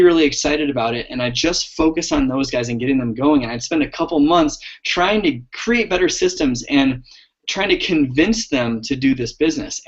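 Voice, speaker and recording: Earnest motivational man on a dull call line. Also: a little high. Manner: earnest, energetic, speeds up in bursts with frequent restarts. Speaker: network marketing coach giving a team call talk. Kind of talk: motivational team call talk.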